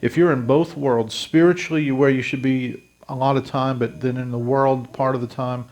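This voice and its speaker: A man in his fifties from South Louisiana preaches his testimony, speaking straight to the people in the pews. His voice has a gravelly edge and sits at an ordinary pitch for a man. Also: fairly even intonation, moderate pace, a little mellow. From South Louisiana, USA. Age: 50s. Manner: earnest storytelling, addresses the congregation directly. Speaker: pastor. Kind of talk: testimony sermon.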